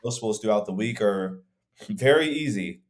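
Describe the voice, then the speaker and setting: A young male fitness coach with a lowish, expressive voice talks a little fast. He co-hosts a casual podcast over a video call from home, drifting through his thoughts with many fillers.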